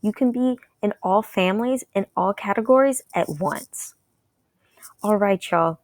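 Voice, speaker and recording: A woman's voice: medium pitch, a little slow, no echo. A woman from Texas, teaching a recorded math lesson, patient and repeating key ideas to her viewers.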